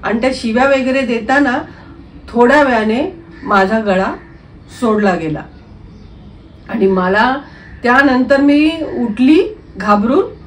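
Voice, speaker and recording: A woman's voice: a little high, takes it slowly, pauses often, recorded from a distance, slight background noise. Woman retelling a true ghost story. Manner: unscripted retelling, frequent fillers and clearing throat. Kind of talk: first-person true story narration.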